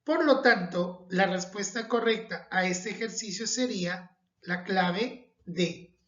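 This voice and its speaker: A woman teaching a recorded spelling lesson, speaking slowly and carefully and stressing each example word. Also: medium pitch, fairly bright tone. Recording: dull echoey room.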